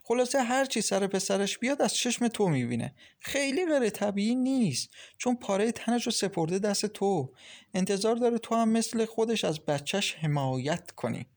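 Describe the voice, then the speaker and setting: A man's voice: sits high, pitched above the performer's own voice. A man voicing a caring, talkative young wife who gives kind, lecturing advice in an audiobook. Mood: advising. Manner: lively, reassuring, lecturing kindly. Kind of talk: audiobook character reading.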